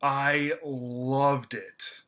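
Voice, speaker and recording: A man with a mid-range, bright, forceful voice and fairly even intonation gives an informal film review. He's effusive and enthusiastic yet stammers, with lots of fillers and restarts.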